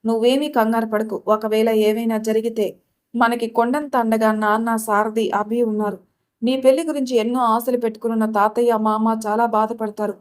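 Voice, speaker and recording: A woman's voice: a little high, little pitch movement, normal speed, natural voice. A woman voicing a caring, protective older sister who speaks firmly. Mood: comforting. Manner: comforting, then scolding.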